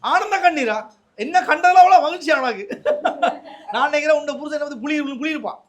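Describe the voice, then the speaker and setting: A presenter with a Sri Lankan Tamil accent and a high voice talks a little fast as she hands over a surprise gift on camera. The banter is casual, playful, and teasing.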